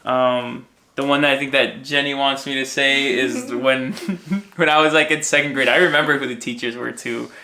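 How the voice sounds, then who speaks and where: A young Minnesota-raised American, guesting and co-hosting a podcast, tells loose, self-mocking personal stories in a casual conversational way. His mid-range voice is steady, moderately paced, pushed and bright, and there's a little hiss or hum in the audio.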